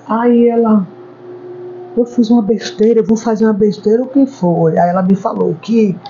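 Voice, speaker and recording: Speaking in a lowish, mellow voice, this woman works as a hair stylist and shares anecdotes during an interview, repeating words to drive them home. The audio is muffled lo-fi with slight background noise.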